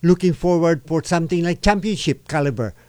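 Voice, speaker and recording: A Filipino radio boxing show host with a slightly high, somewhat mellow voice interviews a boxer, blending Tagalog and English and pausing often with fillers. There is no echo.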